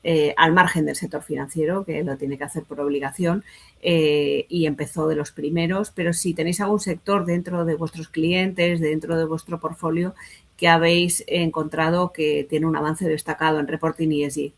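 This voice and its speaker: Spanish woman moderator, lower voice, courteous measured questioning. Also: steady tone. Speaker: panel moderator. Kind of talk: moderating a conference panel.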